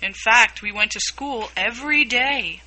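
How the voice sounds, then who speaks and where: A gloomy, sighing sea creature drags out every word in a slow, mournful storybook voice, as a woman reads him. The tone is bright and sharp-edged even in his sorrow. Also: a little high, full character voice, poor audio. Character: gloomy sobbing male Mock Turtle, slow and sighing.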